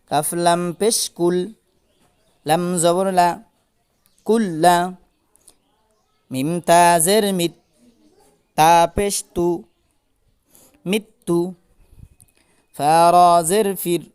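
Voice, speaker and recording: A man's voice: sits high, darkish tone, clear, resonant tone. A man teaching Quran reading, spelling out each letter and vowel mark and then chanting the joined syllable drawn out, with short rule explanations between drills. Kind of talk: slow spelled-out Quran recitation lesson.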